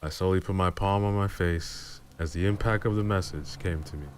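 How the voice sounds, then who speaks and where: A man narrating horror stories in a calm, low-key reading style. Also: normal speed, clear, resonant tone. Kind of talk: scripted story narration.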